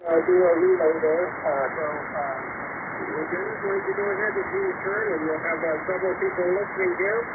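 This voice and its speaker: A man's gravelly voice bounces up and down as he chats on an amateur radio net, full of fillers and radio sign-offs. He comes through a thin, tinny shortwave radio with steady static hiss behind him. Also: high-pitched. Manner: halting, with many fillers and "over" sign-offs. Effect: heard over a crackly shortwave radio with static. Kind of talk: casual on-air radio chat.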